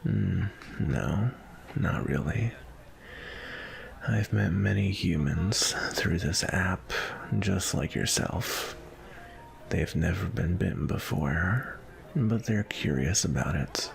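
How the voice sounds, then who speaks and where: Sebastian, a deep, gravelly vampire acted by a man. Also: lively intonation, heavily acted. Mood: calm, reassuring. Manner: polite, unhurried, flirtatious. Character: suave, courteous, centuries-old male vampire on a date. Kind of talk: ASMR roleplay, intimate and softly spoken.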